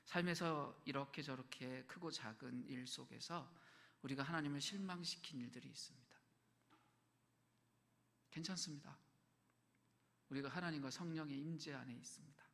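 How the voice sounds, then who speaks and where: A man's voice: mid-range voice, normal speed, gravelly, pauses often. A man preaching a sermon as pastor, dropping to near-whispers and then rising to emphatic lines. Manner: shifts between quiet near-whispers and raised emphatic lines. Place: church sanctuary. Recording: long hall reverb.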